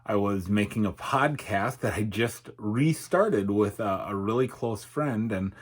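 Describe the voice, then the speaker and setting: Middle-aged man, fairly low pitch, raspy husky tone, halting reflective delivery, slightly numb-mouthed articulation, personal vlog. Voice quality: slightly altered articulation from facial numbness. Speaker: YouTuber and podcaster. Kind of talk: candid personal vlog, unscripted.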